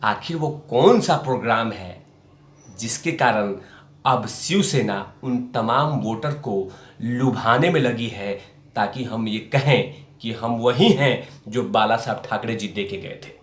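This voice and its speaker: Here a man hosts a political news commentary show, speaking emphatically and repeating phrases for effect. His voice is mid-range and unhurried, and the sound is roomy and echoing.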